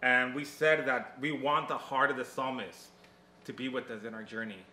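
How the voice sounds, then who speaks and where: Bright-voiced male pastor in echoey room. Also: mid-range voice, fairly even intonation, normal speed. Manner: earnest, conversational preaching with rhetorical repetition. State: talking around a cough drop. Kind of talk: sermon recap to a congregation.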